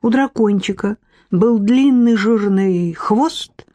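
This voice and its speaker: A woman's voice: mid-range voice, slow, mellow. A woman reading a novel aloud, narrating expressively and shifting her voice for the characters.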